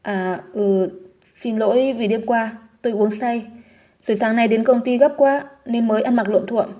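A man's voice: very high voice, fairly even intonation, normal speed, dark tone. A woman voicing a hungover young man who apologizes awkwardly, in an audiobook. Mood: flustered. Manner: flustered, apologetic.

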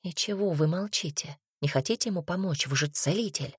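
Woman doing a low, sly young man. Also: brisk, husky, no room sound, studio quality. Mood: wry. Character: young man, wry and sly travel companion. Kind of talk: audiobook character reading.

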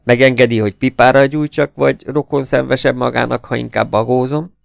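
A man voicing a burly, bearded sailor who is boastful and rough-mannered in an audiobook reading. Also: medium pitch, steady tone, dry recording, studio quality. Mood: swaggering. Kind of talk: audiobook character voice.

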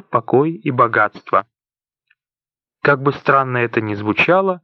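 A man's voice: mid-range voice, dry recording. Man reading an audiobook, dull dry sound. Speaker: audiobook reader. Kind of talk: scripted narration of essays.

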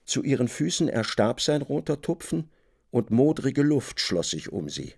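A man narrating a literary radio play in a measured, even storytelling manner. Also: medium pitch, creaky, husky.

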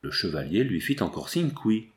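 A man reading a classic novel aloud as an audiobook narrator, in measured, even storytelling. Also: lowish voice, echoey room. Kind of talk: scripted narration.

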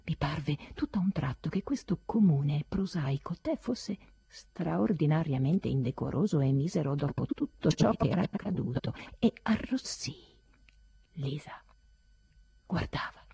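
A woman's voice: deep voice, lively intonation, measured pace, gravelly, dark tone, slightly rough, dry recording. A woman giving a dramatic literary audiobook reading, intense and often dropping into a whisper. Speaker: audiobook reader.

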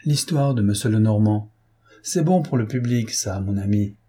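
A man's voice: fairly low pitch, normal speed, dark tone, breathy edge. A man reading the part of a smug, pompous examining magistrate in an audiobook, condescending and sure of himself.

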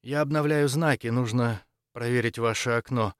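A man's voice: medium pitch, normal speed, clear, resonant tone, dry recording, clean studio sound, natural voice. A man voicing a composed female church dean. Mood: calm.

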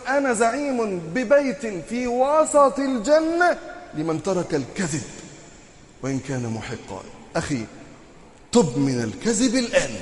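A man preaching a Friday sermon, emphatic and repetitive in his delivery. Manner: impassioned, emphatic repetition with sweeping pitch swings. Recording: long reverb of a large hall.

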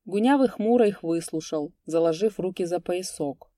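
Woman, storyteller, low voice, warm and dark, dry booth sound. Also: moderate pace, no room sound. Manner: raises pitch and volume for shouted dialogue. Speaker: narrator. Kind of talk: audiobook reading of a classic story.

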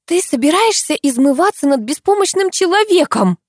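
A woman's voice: fairly high pitch, expressive, normal speed, no room sound, clean studio sound, pitched above the performer's own voice. A woman reading a stern, sensible young woman who scolds her friends. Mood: reproachful. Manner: reproachful, stern.

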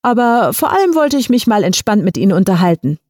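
A woman voicing a suave, polite man who calmly threatens his victim, in an audiobook short story. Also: mid-range voice, dry recording, clean studio sound, pitched above the performer's own voice. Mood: calm menace. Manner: smooth, unhurried, quietly threatening. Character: suave menacing male blackmailer, calm and polite. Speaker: audiobook reader.

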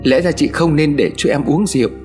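A scheming older mistress of the house, as a male narrator voices her speaks in a raised, honeyed tone, full of feigned tears and gentle comfort. Faint music runs under her words in this storybook audio tale. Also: medium pitch, animated, fairly quick, pitched above the performer's own voice, lightly acted. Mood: tearful. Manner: soothing, honeyed, fake-sorry.

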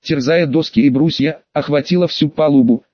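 Higher-voiced guy reading an audiobook, steady, dry muffled sound. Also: moderate pace, dry recording. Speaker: audiobook narrator. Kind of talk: audiobook narration.

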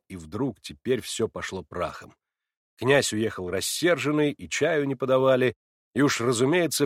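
Brief: male narrator, measured and expressive, dry close recording. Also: mid-range voice, no echo. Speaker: reader. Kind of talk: audiobook narration.

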